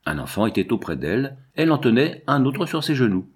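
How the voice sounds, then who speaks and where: A man narrating a classic novel with an expressive, varied delivery. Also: medium pitch, brisk, slightly rough. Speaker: audiobook reader. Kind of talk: literary narration.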